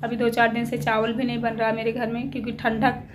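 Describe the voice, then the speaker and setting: A middle-aged woman who runs a small family vlog talks to viewers from home, where she's alone. Her voice sits on the high side and comes out quick and monotone as she rambles in a casual, confiding way, sounding unwell, tired and a little out of breath. It's a clearly noisy recording made on a handheld phone.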